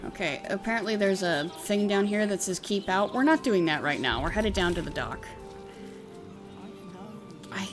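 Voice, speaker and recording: Casual woman game streamer, medium pitch. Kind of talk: casual playthrough commentary. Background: faint game music.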